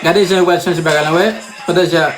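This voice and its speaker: A man interjects with short remarks during a casual live stream, his voice pitched high. Loud music plays behind him. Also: fairly even intonation, fast talker.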